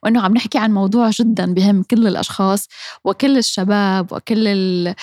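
A woman with a Levantine Arabic accent hosts an interview podcast. She speaks at a fast clip with a middling pitch. The sound is dry and close, free of room reflections. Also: darkish tone, dry recording.

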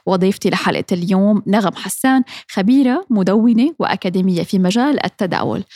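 A woman's voice: medium pitch, lively intonation, quick pace, darkish tone, no room sound, studio quality. A woman with a Levantine Arabic accent, presenting a podcast and interviewing as its host.

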